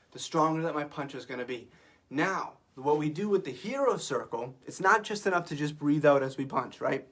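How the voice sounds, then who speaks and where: A young man teaching a martial arts class to camera from an office, upbeat and coaching, a little out of breath. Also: on the high side. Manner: upbeat, coaching, counts out loud and shouts "ha" on punches. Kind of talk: guided workout class to camera. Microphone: camera facing him.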